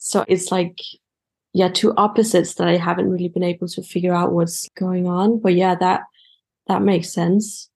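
A woman's voice: lowish voice, little pitch movement, normal speed, gravelly, a little mellow, breathy edge. A woman guest who works as a coach, talking casually about her work with hesitant phrasing and frequent fillers. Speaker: guest, a coach and public speaker. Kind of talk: casual conversation.

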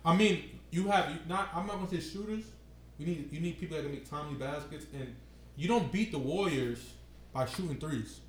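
Halting, insistent man in an echoey room. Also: a little high. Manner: halting, stumbles and restarts, insistent. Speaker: podcast co-host. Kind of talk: casual sports debate. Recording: echoey room with faint noise.

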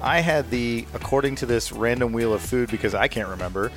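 Fast-talking joking man. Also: medium pitch, a bit bright, faint music behind. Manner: joking, quick banter. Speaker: podcast co-host. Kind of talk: casual chat. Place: restaurant by the ocean.

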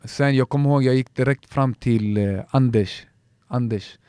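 A man's voice: medium pitch, warm tone, smooth, dry recording, studio quality. En man som i ett avslappnat poddsamtal berättar känslosamt om en fight, stakande och med många omtag och utfyllnadsord. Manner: emotional storytelling, halting with many restarts and fillers. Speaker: MMA fighter guest. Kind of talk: casual podcast conversation.

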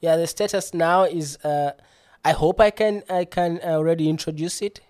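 A man's voice: fairly high pitch, fairly even intonation, darkish tone, clear, resonant tone. A man in his thirties from Uganda, a guest researcher talking through his work in a casual interview, often stopping to repeat words. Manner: halting, with many repeated words.

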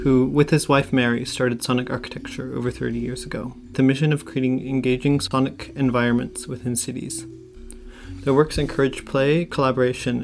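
A man hosting a podcast, who introduces his guests and asks them measured, curious questions. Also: medium pitch, creaky. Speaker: podcast host. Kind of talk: podcast interview.

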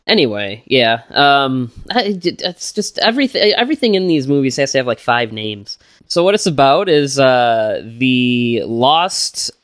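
A man's voice: medium pitch, a bit bright, smooth, no echo, clean studio sound. A man co-hosting a casual film podcast, rambling through plot summaries with lots of fillers, restarts and jokes. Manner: jokey, laughs while retelling plots. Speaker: podcast co-host.

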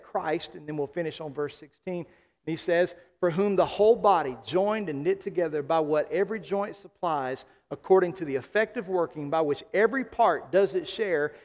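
Preaching man in a reverberant church. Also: high-pitched. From South Arkansas. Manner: preaching with rising emphatic calls to the congregation. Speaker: pastor. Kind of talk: sermon. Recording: long hall reverb.

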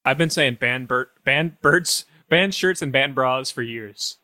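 A man co-hosting a comedy podcast, cracking jokes and bantering through an improvised sketch. His voice is bright and forceful, and the recording is dry and close. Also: mid-range voice, a little slow, no room sound. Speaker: podcast co-host.

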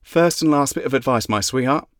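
A man's voice: mid-range voice, fairly quick, no echo, voice pushed up, natural voice. A man voicing a tough, patronizing middle-aged pub landlady who calls everyone darling, in a dry, close audiobook recording. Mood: knowing. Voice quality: bellowing. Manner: patronizing, endearments.

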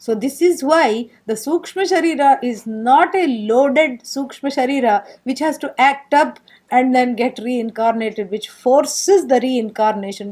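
A woman with an Indian accent giving an informal scripture lecture as a spiritual teacher, playful and full of rhetorical questions. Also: a little high. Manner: animated storytelling with rhetorical questions and playful humour.

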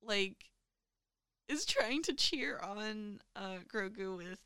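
A woman's voice: mid-range voice, expressive, takes it slowly, bright, forceful tone, clean tone, no echo, clean studio sound. A woman co-hosting a casual chat, speaking hesitantly and thoughtfully with many fillers. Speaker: podcast co-host. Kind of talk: casual fan discussion.

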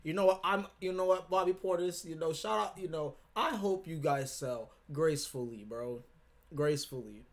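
A man's voice: on the high side, normal speed. A young man hosting a casual sports podcast, steering the discussion with slangy frat-bro talk.

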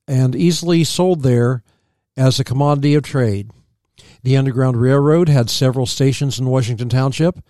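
A man, reading local history aloud as a podcast co-host, steady and plain with small slips. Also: mid-range voice, no echo, clean studio sound.

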